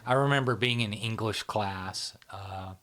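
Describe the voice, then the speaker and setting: With a voice on the low side and a bit bright, a middle-aged man talks a little slowly in a casual interview. He founded and hosts a psychology channel, and he rambles with heavy filler, often asking "right?" and "you know?"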